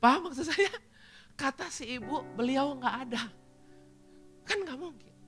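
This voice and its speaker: A man's voice: very high-pitched, a little slow, soft background music. A male preacher telling a story in a sermon, acting out the dialogue and often turning to address the congregation. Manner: animated, acts out dialogue, keeps addressing the congregation. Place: church function hall.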